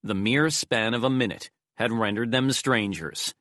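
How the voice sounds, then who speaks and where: A man reading an audiobook in a measured, even storytelling voice. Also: medium pitch, dry recording, clean studio sound. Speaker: audiobook narrator. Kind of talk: scripted narration.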